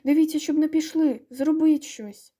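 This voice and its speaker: A woman's voice: sits high, fast, warm tone, natural voice. A woman voicing a flustered young man who runs a café, talking urgently in a storybook reading.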